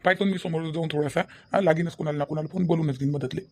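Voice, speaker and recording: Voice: medium pitch, steady tone, rapid-fire, dark tone, lightly acted. A voice actor playing a worried grown son in a cartoon, fretting and soothing his mother. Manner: fretting, placating. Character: anxious grown son stuck in a forest. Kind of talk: cartoon voice acting.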